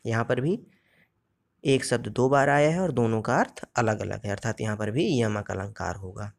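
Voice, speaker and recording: A male teacher giving an exam-prep grammar lesson, explaining step by step and asking and answering his own questions. He recites verse examples slowly. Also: mid-range voice, creaky.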